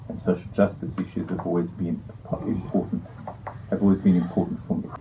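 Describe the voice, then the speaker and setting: A man's voice: low-pitched, little pitch movement, fairly quick. A man answering interview questions, hesitant and reflective, often searching for words. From South Africa. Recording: dull lo-fi with faint noise.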